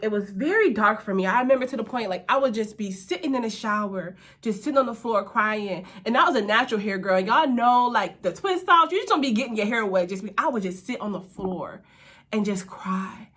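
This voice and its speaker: A woman's voice: fairly high pitch, fairly bright tone. A young adult woman hosting her own channel, telling a personal faith testimony in an earnest, conversational way, speaking to viewers directly as y'all. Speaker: host.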